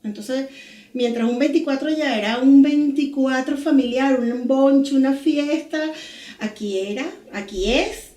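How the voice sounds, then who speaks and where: A Venezuelan woman in her forties, a podcast guest telling her story in a lively, animated way with little sound words. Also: high voice, a little slow, roomy sound. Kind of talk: casual podcast interview.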